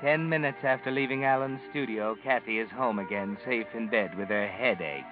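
The Whistler, voiced by a man, an ominous narrator who speaks straight to the killer in a slow, measured way. It comes from a muffled 1940s radio broadcast with music playing clearly behind him. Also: lowish voice, lightly acted. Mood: brooding. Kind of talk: second-person suspense narration.

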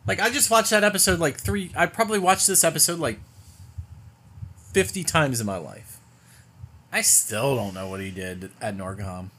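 A man's voice: fairly high pitch, normal speed, pauses often, sharp tone, slight background noise. Rambling casual male podcast co-host. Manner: rambling, filler-heavy, loose. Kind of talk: casual chat.

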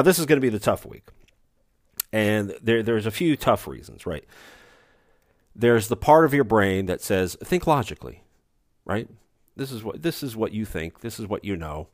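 Animated low-voiced man talking football. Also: moderate pace, long pauses, no room sound, clean studio sound. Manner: animated, swings between excited boasting and mock-confessional asides. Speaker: podcast co-host. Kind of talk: casual sports podcast chat.

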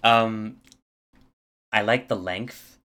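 A man with a very low voice co-hosts a casual podcast. He reads out facts from his notes, filling the gaps with ums and uhs. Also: drawn-out words, pushed and bright. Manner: reads album facts from notes, hesitant fillers. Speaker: podcast co-host. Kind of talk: casual chat.

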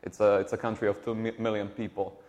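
Lowish-voiced man, halting speech. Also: level tone, a little mellow. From Slovenia. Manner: halting, many repeated words and fillers. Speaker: startup co-founder guest. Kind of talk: conversational interview.

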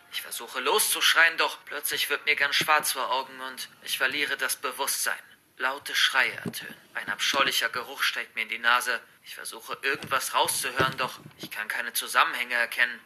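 A man's voice: on the high side, sharp tone, slight background noise. A man narrating a first-person horror story in a tense, dramatic reading.

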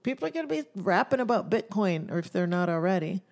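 A woman's voice: mid-range voice, sing-song, quick pace, gravelly, a little mellow. A woman co-hosting a casual travel chat, playful and jokey, now and then breaking into song. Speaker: podcast co-host.

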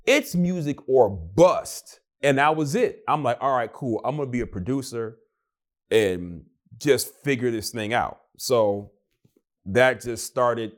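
A young adult man telling his story in a casual interview, acting out the voices of the people in it. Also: on the low side. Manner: animated, acts out quoted voices. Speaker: guest.

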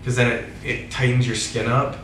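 A man's voice: medium pitch, level tone, moderate pace, a bit bright. A man co-hosting a casual chat, playful and goofy. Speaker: podcast co-host. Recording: roomy with audible noise.

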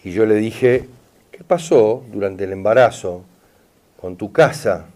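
A lowish, slightly mellow voice, a little slow in delivery, belongs to a middle-aged therapist with a Rioplatense Spanish accent. He guides a session with an audience member and insists on being understood, returning to "¿está bien?" and "mirá" over and over.

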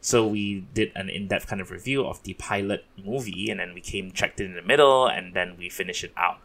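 A man's voice: deep voice, a little fast, gravelly, a bit bright. A man from Singapore hosting a casual podcast chat, chatty and laughing often. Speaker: podcast host.

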